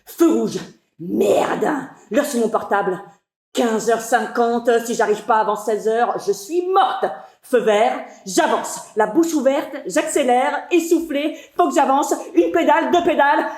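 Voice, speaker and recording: A woman's voice: on the high side, a little slow, darkish tone, lightly acted. An actress in her twenties performing a stage monologue as a frazzled young after-school worker, in a rhythmic, breathless delivery with sudden outbursts. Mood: frantic. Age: 20s. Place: stage at a theatre festival. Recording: echoey live hall.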